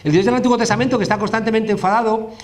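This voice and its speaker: A man's voice: sits high, steady tone, rapid-fire. A man from giving a public political talk, digressive and joking, often tagging sentences with a questioning "no?". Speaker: political speaker.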